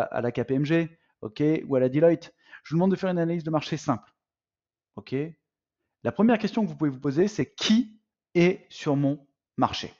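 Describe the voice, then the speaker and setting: Animated French coach with a dull lo-fi sound. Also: male voice, on the high side. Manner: animated, addresses audience as "les amis", many fillers. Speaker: business coach. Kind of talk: live online masterclass.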